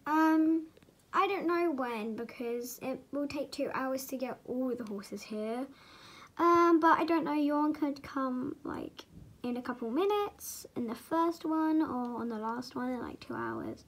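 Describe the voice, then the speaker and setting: A woman voicing a kind, patient stable owner in a toy horse movie, calm and a little hesitant. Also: high-pitched, a little slow, exaggerated voice.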